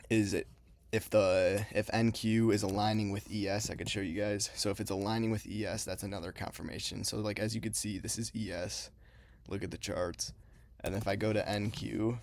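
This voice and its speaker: A man's voice: fairly low pitch, vocal fry. A young man talking casually in an explanatory vlog, his mouth numb after having a cavity filled. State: mouth numb from a dental filling. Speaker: trading vlogger.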